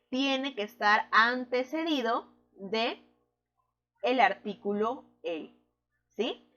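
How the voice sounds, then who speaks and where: A woman's voice: on the high side, fairly bright tone. A woman teaching a recorded grammar lesson, patiently explaining rules and checking in with short tag questions.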